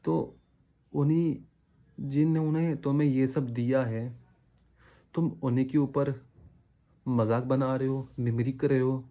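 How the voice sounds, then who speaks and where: A man's voice: mid-range voice, steady tone, unhurried, pauses often, phone-quality sound. A man delivering a casual, rambling opinion rant to his viewers, scolding and disappointed, often repeating himself. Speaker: vlogger.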